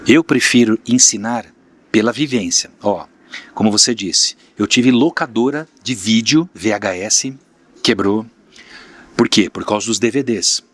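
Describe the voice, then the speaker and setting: A man's voice: fairly low pitch, unhurried, a bit bright. A man from Brazil, a podcast guest and mentor, telling candid stories of his businesses in casual interview talk. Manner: storytelling, plain-spoken, candid.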